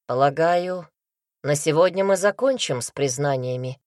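A woman reading an audiobook gives a calm, gentle husband a soft, quiet voice that turns to low mumbling when he is cornered. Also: unhurried, dry recording, clean studio sound.

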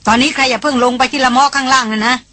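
A woman reader voicing a firm male expedition leader, the eldest brother, giving calm orders. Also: very high-pitched, racing, dry recording, voice pushed up. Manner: firm commanding.

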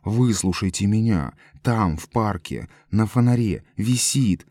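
A man voicing a frightened shopkeeper who shouts in panic and then speaks wearily, in an audiobook. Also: on the low side, expressive, unhurried, no echo, clean studio sound. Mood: weary. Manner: frantic shouting, then weary.

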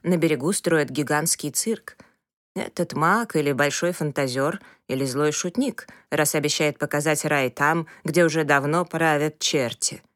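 A woman narrating an audiobook in a measured, even storytelling manner. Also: deep voice, dry recording, studio quality.

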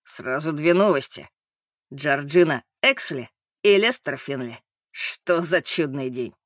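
A man voicing a sly, gloating male newspaper reporter in an audiobook, with a mocking, drawn-out way of talking. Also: a little high, lively intonation, sharp tone, dry recording, studio quality, full character voice. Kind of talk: audiobook character reading.

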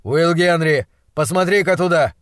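A male audiobook reader voices a hoarse, excitable middle-aged scientist who brusquely hectors his young assistant in loud, emphatic bursts, yet at an unhurried pace. The character sits a little higher than the surrounding narration. The natural voice sounds close and dry, with no echo.

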